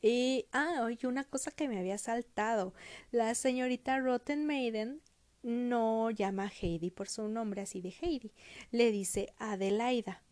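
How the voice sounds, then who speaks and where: A woman retelling a story in a chatty, expressive vlog style, with many fillers. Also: fairly high pitch, a little slow, no echo. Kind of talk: casual storytelling, retelling a cartoon.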